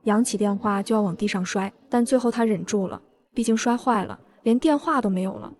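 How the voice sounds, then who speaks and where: A woman's voice: mid-range voice, a little fast, a little mellow. A woman narrating a first-person revenge story in a cool, smug way.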